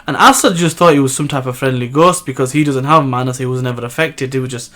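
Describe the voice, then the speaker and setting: A man's voice: mid-range voice, fast, bright, forceful tone. A man hosting a manga review channel, recapping the chapter in a casual, rambling way with many fillers and self-corrections.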